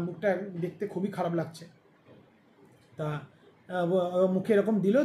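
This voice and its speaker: A man's voice: sits high, warm tone, reverberant, a little hiss or hum. A man, still weak after surgery, telling a rambling personal story with many restarts. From India. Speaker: vlogger.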